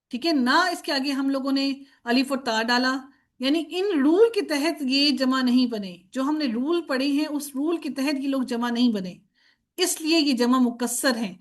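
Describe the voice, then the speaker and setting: Patient woman teaching grammar drills. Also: high voice. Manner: patient, repeats word forms in drills, asks and answers own questions; mixes in English words. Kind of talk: recorded lecture.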